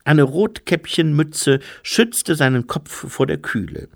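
A male audiobook narrator reads slowly and with care. His pitch moves in lively storyteller curves. The recording is dry and close, with nothing around it. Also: gravelly, no echo. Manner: measured, expressive storytelling. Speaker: audiobook reader. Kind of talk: scripted narration.

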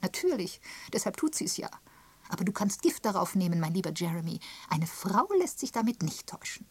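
A woman reading the part of a gossiping, sharp-tongued spinster in an audiobook, pointed and emphatic in tone. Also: fairly low pitch, big pitch swings, brisk, husky, no echo, pitched above the performer's own voice, full character voice. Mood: gossipy. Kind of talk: audiobook character voice.

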